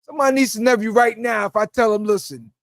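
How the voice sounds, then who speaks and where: On his podcast, a middle-aged man with a New York accent tells casual stories fast, laughing and voicing the people he quotes. His high voice is creaky with fairly even intonation, captured in a dry, studio-quality recording.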